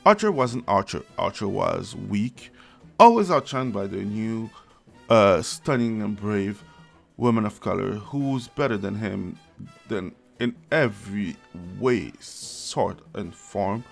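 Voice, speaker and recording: A man's voice: on the low side, animated, slow, creaky. A man giving casual, blunt and sarcastic commentary on a cartoon series, swearing freely and laughing as he talks. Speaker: video commentator. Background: background music.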